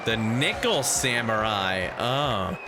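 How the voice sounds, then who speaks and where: A man plays through a video game with music clearly behind him. He comments casually, thinking out loud. His pace is slow, but his pitch moves around in a lively way. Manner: sweary, musing aloud. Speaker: let's player.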